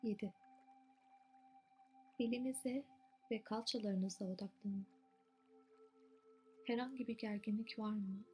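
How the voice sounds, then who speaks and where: A woman leads a guided meditation in a soft, soothing voice at a middling pitch. She speaks in short, unhurried phrases with long pauses, like scripted relaxation narration. Faint music plays behind her. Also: fairly even intonation.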